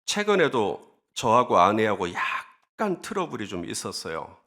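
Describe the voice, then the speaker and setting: A man preaching a sermon as pastor, animated, acting out grumbling voices and then dropping to a soft, confiding tone. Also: on the low side, moderate pace.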